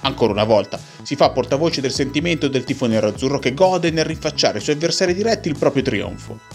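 A man's voice: mid-range voice, lively intonation, fast, gravelly, soft background music. A man narrating a scripted, play-by-play retelling of football action.

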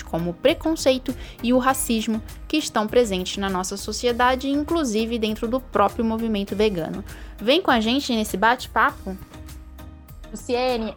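A woman hosting a podcast interview, talking in a friendly, fluent way with frequent tag questions. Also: on the high side. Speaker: podcast host.

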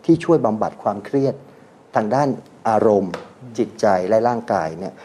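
Thai radio guest, male, low mellow voice, animated storyteller who drops English words. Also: a little fast, slight background noise. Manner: animated storytelling, mixing English terms, laughs. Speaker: guest brand owner. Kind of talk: radio talk show conversation.

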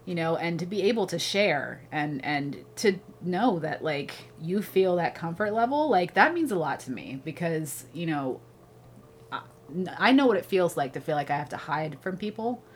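A woman's voice: on the low side, big pitch swings, moderate pace, a little hiss or hum. A woman guesting on a podcast in casual chat, rambling with constant "like" and "you know".

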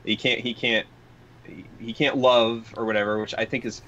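A man's voice: mid-range voice, level tone, normal speed, a bit bright, a little hiss or hum. A man in casual chat about a film, rambling with frequent restarts and quoted asides. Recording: dull lo-fi recording.

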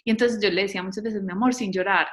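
A woman talking thoughtfully in casual conversation, with frequent fillers and lively quoting of others. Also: medium pitch, racing.

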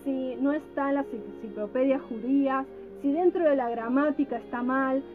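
A woman giving a reflective religious talk, slow and deliberate, often checking in with her listeners. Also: sits high. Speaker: religious teacher. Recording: tinny phone-like sound with faint music.

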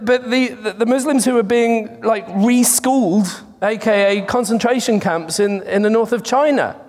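A man preaching an informal sermon in an earnest, conversational way, speaking to a congregation from a microphone at the front. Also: high-pitched. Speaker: preacher addressing his church. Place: large echoing room at a church gathering. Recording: reverberant hall, live church recording.

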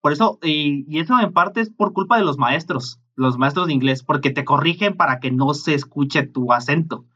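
Bright-voiced man, halting and muffled. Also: on the high side, husky. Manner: halting, with many fillers. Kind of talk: casual chat. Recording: dull, muffled sound.

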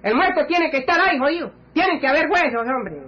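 A man's voice: very high voice, lively intonation, fast talker. An actor playing a brash middle-aged village man who curses constantly and stammers when upset, in a lo-fi radio recording. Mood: blustering. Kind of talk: radio comedy acting.

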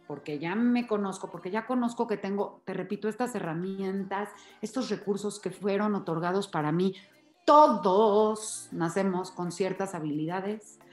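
Earnest woman host, roomy sound. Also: mid-range voice. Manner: earnest, emphatic explaining. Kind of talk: conversational interview.

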